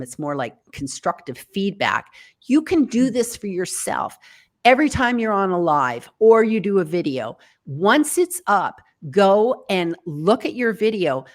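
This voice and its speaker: A woman guest on a live video interview, giving casual advice in a chatty, animated way. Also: lowish voice. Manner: animated, chatty, acts out quoted reactions. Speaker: podcast host appearing as guest.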